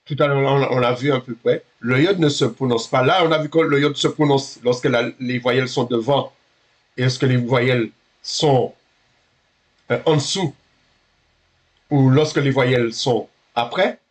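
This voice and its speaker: A man teaching a beginner Hebrew class, halting and correcting himself, patiently checking that his students understand. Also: medium pitch.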